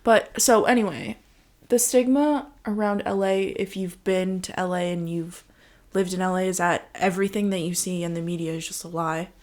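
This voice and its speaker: A woman's voice: on the low side, fairly even intonation, darkish tone. Chatty young woman telling stories. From Los Angeles, USA. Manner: chatty storyteller, quick valley-style "like" fillers. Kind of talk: casual chat.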